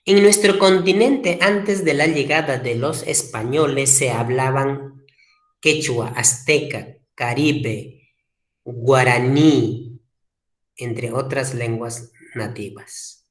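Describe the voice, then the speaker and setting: A man teaching a language class, slowly repeating key words for emphasis. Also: mid-range voice. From Peru. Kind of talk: classroom lecture. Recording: echoey room.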